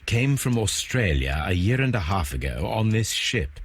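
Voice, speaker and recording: An actor voicing a calm Victorian detective in a game, speaking in a measured, husky way. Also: male voice, fairly low pitch, over a noisy crowd. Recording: dry studio game voice.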